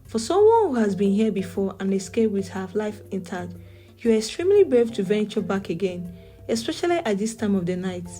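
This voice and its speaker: A beautifully evil female river spirit, put on by a woman storyteller, intoning her threats with slow menace. The voice is mellow and dark in tone, with soft music playing faintly underneath. This is spoken storybook narration. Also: medium pitch, big pitch swings, natural voice. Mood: threatening.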